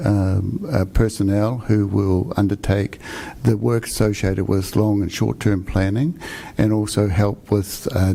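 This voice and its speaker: A man's voice: fairly low pitch, gravelly, dark tone. An older man with a New Zealand accent presenting to a city budget committee in a rambling, self-deprecating way, speaking into a desk microphone in a meeting room. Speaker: asset management coordinator.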